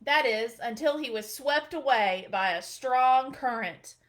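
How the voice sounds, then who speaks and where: Expressive woman reading a picture book. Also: high voice, measured pace. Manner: gentle, expressive storytelling. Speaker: children's librarian.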